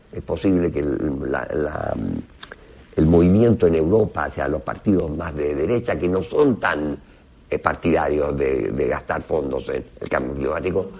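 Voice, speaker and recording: Gravelly, low-voiced man speaking Spanish. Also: a little mellow. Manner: halting, groping for words in Spanish. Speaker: professor, interview guest. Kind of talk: interview answers, explanatory.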